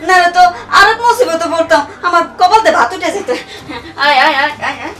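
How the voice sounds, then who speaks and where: A woman plays a scheming, quick-tempered stepmother who mutters fretfully to herself and turns loud and defensive. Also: very high-pitched. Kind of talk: amateur short-film acting. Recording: echoey room, mic at a distance, music underneath.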